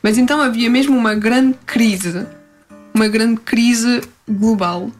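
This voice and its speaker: A woman's voice: fairly high pitch, steady tone, unhurried, faint music behind. A woman with a European Portuguese accent, hosting a radio segment and explaining a history topic in a chatty, teaching way. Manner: explanatory, switches between Portuguese and French. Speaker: radio host. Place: radio studio.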